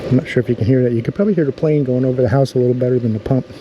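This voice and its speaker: A man's voice: mid-range voice, rapid-fire, muffled recording, noisy background. A man casually talking through a pool pump review outdoors by a backyard pool, in an easygoing, chatty way.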